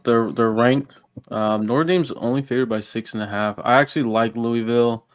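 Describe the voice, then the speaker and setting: A man's voice: mid-range voice, steady tone. A man on a sports podcast panel, making his pick with many fillers. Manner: halting, filler-heavy. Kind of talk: casual sports chat.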